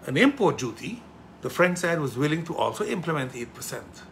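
A middle-aged man talks politics with a bright, forceful edge to his voice and a fairly high pitch. He moves between measured explanation and loud, indignant rhetorical questions. A faint hiss of background noise sits under him. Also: sing-song. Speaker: political commentator hosting a show. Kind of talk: impassioned political commentary.

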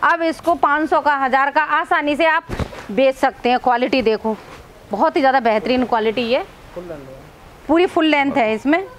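A woman's voice: high-pitched, normal speed, slight background noise. A woman in her thirties hosts a business video, asking a seller questions and talking to viewers in an upbeat way inside a large warehouse on a lapel mic. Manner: upbeat, addressing viewers as friends. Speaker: host. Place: large clothing warehouse indoors. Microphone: clip-on lapel mic.

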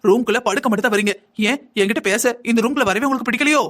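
A man's voice: very high voice, a bit bright. A man voicing a young wife in a cartoon family drama, envious and complaining, who nags her husband in a whining, insistent way. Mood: reproachful. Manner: nagging, whining, quick and insistent. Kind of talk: Tamil cartoon voice acting.

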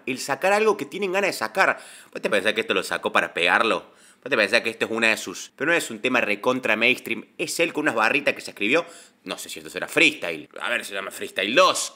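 A man's voice: medium pitch, pushed and bright. A man with a Rioplatense Spanish accent hosting a reaction video, chatty, slangy and enthusiastic. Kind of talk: casual reaction commentary.

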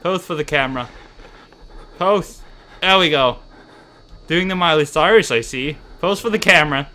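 A man streaming a horror game, chatting and cursing, yelping and shouting when startled. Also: on the high side, normal speed. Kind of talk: gaming livestream commentary.

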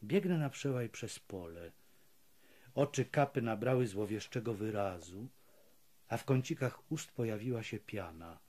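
A man with a husky voice reading literary prose as an audiobook narrator, measured and expressive. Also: fairly low pitch. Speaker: audiobook reader.

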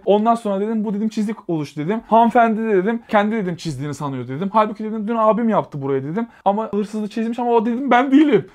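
A young man telling a personal story to his vlog viewers, acting out what people said in a lively way. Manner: animated, acts out quotes with rising pitch. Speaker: vlogger.

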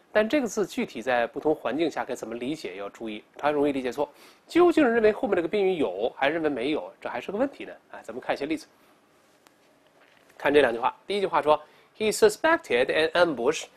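Animated teacher teaching English words. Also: male voice, on the high side. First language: Chinese. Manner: animated, drills students to read aloud, slows down for English examples. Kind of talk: vocabulary lesson.

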